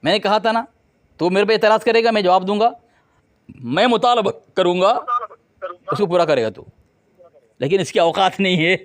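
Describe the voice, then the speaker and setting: A man's voice: high voice, moderate pace, long pauses. A man in a heated religious debate, combative and taunting as he insults his opponent over a call.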